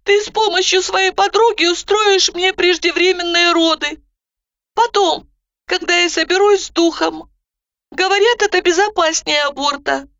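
A woman voicing a frightened young pregnant woman who pleads in a high, panicky voice, on a dull lo-fi recording. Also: fairly even intonation, moderate pace, a bit bright. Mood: anxious. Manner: shrill, panicky, lisping out protests.

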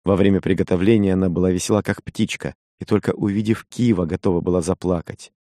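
A man reading a story aloud as narrator, with expressive, measured delivery. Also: low voice, no room sound, clean studio sound. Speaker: audiobook narrator. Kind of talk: scripted narration.

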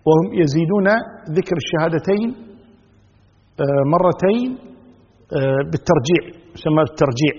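A man explains a classical text in a steady lecture manner, often repeating himself. His husky voice sits a little high. The sound is muffled and lo-fi, with a long echo trailing behind each phrase. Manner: measured, repeats key phrases, recites formulas. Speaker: Islamic scholar teaching a fiqh text. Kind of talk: recorded religious lesson. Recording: dull lo-fi audio with long reverb.

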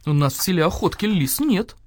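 A woman's voice: on the low side, sing-song, fairly quick, no echo, clean studio sound. A woman voicing a rude, snapping male guard dog in a children's audiobook. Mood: brash, snapping. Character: gruff brash male village guard dog.

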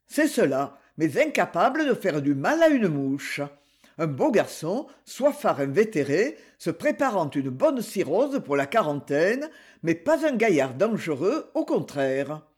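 Blunt, worried commissioner, read by a man, husky and animated. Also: fairly high pitch, exaggerated voice.

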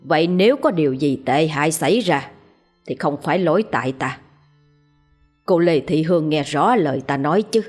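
A woman's voice: low voice, animated, moderate pace, darkish tone, faint music behind. Solemn old exorcist, as a woman reads him. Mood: coaxing, solemn. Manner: solemn, admonishing. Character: stern elderly male exorcist, calm and solemn.

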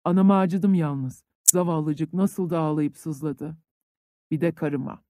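A man voicing a bitter, grief-stricken young peasant conscript who breaks into furious shouting. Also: a little high, slow pace, no room sound, studio quality. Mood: sorrowful.

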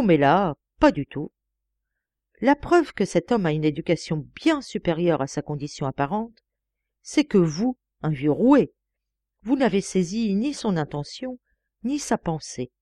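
Young detective, male, self-assured, measured, animated pitch, played by a woman. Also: no room sound, clean studio sound. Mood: explaining. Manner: calm, explaining, measured.

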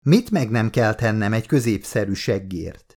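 A man's voice: on the low side, expressive, a little mellow, slightly rough. A male audiobook reader voicing a vulgar, joking young man who teases his partner. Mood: teasing. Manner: vulgar, teasing banter. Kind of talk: audiobook character voice.

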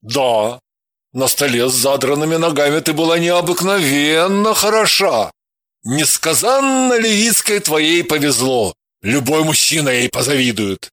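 A woman's voice: sits low, animated, a little slow. A woman voicing an amused, teasing husband who laughs through his words. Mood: teasing, laughing.

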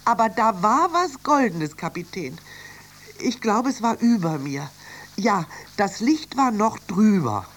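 Reader putting on a high, bubbly young girl, wide-eyed and chattering, children's radio story. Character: excitable young girl, brother's sister.

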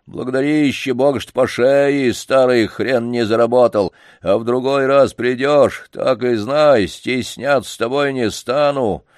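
A man voicing a gloomy, rough yard keeper, gruff and threatening. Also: medium pitch, unhurried, few pauses, dry recording, studio quality, voice pushed up, lightly acted. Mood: menacing.

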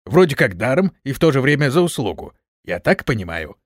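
A man reading an audiobook, voicing a blunt, quick-tempered male orc warrior chief who growls his words. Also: mid-range voice, big pitch swings, no echo, studio quality. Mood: wary.

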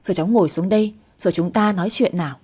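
A woman voicing a stern old grandfather who calmly questions and then scolds. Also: mid-range voice, racing, breathy edge, lightly acted. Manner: firm, scolding.

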